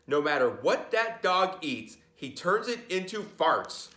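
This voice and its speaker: A man's voice: on the high side, sing-song, measured pace, sharp tone, voice pushed up, full character voice. A man reading a storybook father who is exasperated and fed up with the dog, in a roomy recording. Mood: exasperated, stern. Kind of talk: storybook read-aloud. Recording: roomy, echoey sound.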